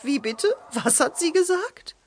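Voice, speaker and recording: A woman voicing a patient hen who keeps gently correcting the rooster, in a children's audiobook. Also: extremely high pitch, big pitch swings, full character voice. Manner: gently correcting, soothing, unhurried. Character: patient, know-it-all hen, Serge's companion.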